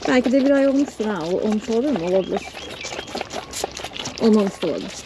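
In an animated, racing medium-pitched voice, a young farm vlogger chatters to her camera and the animals while feeding lambs. She talks to herself and coaxes the animals along, with sheep and chickens around her in the barn. Her head-mounted camera mic picks up a noisy recording, heavy with the bleating of lambs and sheep.

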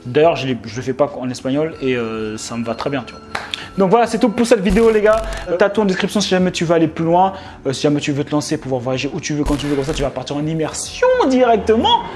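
A man's voice: a little high, expressive, fast, darkish tone. A young man from France giving casual, slangy advice straight to the viewer, with many fillers and restarts. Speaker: online business vlogger. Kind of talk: casual advice talk to camera. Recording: faint music behind.

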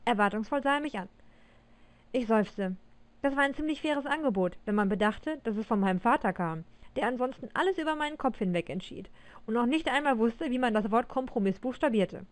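A woman reading a first-person story aloud in an expressive, measured way. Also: a little high, dry recording. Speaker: reader of her own story.

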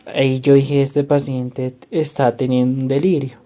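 A man speaks, a doctor recounting his hospital experiences. His voice is deep-toned and very dark, held in a narrow, level pitch. Faint music plays behind him. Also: flat delivery, measured pace. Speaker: doctor, guest. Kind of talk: recounting personal hospital stories.

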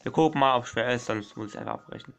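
A man's voice: medium pitch, racing, gravelly, a bit bright. A man commenting on a puzzle game, rambling and repeating himself, sometimes snapping at people interrupting him. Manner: rambling, repeats himself, says "meine Freunde" often. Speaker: gaming YouTuber. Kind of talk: let's play commentary.

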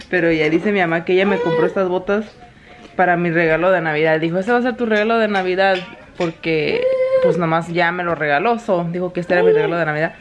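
A woman's voice: on the low side, sing-song, brisk, noisy background. A young woman from Mexico, chatting casually in a home vlog, mixing Spanish and English and laughing often. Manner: switches between Spanish and English mid-sentence. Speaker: vlogger.

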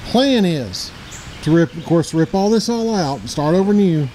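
A Middle Tennessee man in his forties, host of an outdoors channel, gives a rambling, plainspoken backyard tour on a handheld camera outdoors, correcting himself as he goes. His fairly high voice is expressive and mellow at a moderate pace. The audio is poor, with a little hiss or hum.

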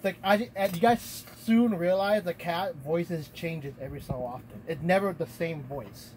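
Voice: mid-range voice, unhurried, darkish tone, a little hiss or hum, rough recording. A game master narrating a tabletop game in a rambling, self-correcting way, often laughing.

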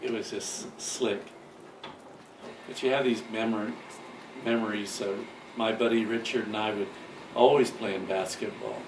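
A man's voice: fairly low pitch, a little slow, long pauses. Older man rambling through old memories. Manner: rambling, with restarts and chuckles; gets loud and lively on funny parts. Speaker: father telling his life stories. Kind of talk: casual reminiscing storytelling. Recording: echoey room, distant mic, background noise.

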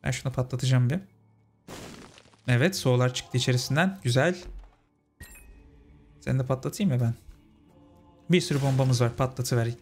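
A young man commentates his game run, chatty and talking to his viewers like friends. His voice sits at an ordinary middle pitch. Soft game music plays underneath. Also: moderate pace, pauses often. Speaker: gaming channel host. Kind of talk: casual let's-play commentary.

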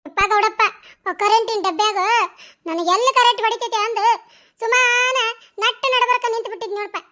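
A woman voicing a fussy, dramatic village woman in a cartoon, with a North Karnataka Kannada accent and an excitable, chattering delivery. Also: extremely high pitch, brisk. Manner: excitable, storytelling, scolding. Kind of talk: cartoon voice acting.

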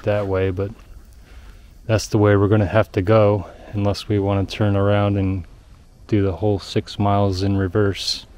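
A man narrating his own hike on a snowy forest trail, describing the route in a relaxed, matter-of-fact way. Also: fairly low pitch, moderate pace. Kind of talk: casual hiking vlog narration.

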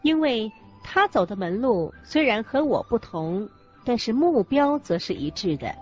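Co-narrating a scripted religious radio drama, a woman phrases every teaching with care. Her fairly high voice has a darkish tone and big pitch swings, and her pace is unhurried. The sound is muffled, with music in the background.

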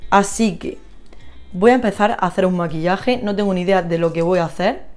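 Una vlogger de belleza con acento de España que charla de forma animada y entusiasta con sus seguidoras mientras se maquilla. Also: female voice, lowish voice, brisk, darkish tone, soft background music. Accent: Spain Spanish. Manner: chatty, gushing, talks to viewers while applying makeup. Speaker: beauty vlogger. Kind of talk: casual makeup tutorial chat.

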